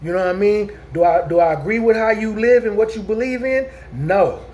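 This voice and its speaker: High-voiced rambling man in his forties. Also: lively intonation, brisk, a little mellow, slight background noise. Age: 40s. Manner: rambling, repeats "you know what I'm saying", frequent restarts. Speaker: vlogger. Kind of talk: casual storytelling monologue.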